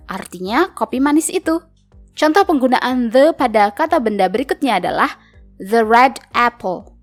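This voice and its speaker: Woman teaching English with slow examples. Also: fairly high pitch. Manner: slow, careful repetition of example words. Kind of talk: scripted lesson narration. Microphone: voice-over.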